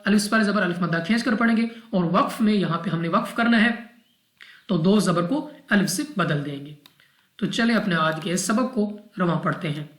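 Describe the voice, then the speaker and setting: Woman Quran tutor from Pakistan, patient rule-by-rule explainer, mid pitch, roomy echo. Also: moderate pace. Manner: methodical, repeats rules step by step. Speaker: Quran teacher. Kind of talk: tajweed lesson explanation.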